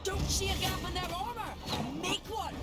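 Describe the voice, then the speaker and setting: A fierce, menacing fantasy warrior. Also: female voice, extremely high pitch, lively intonation, moderate pace, over music. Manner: menacing, commanding.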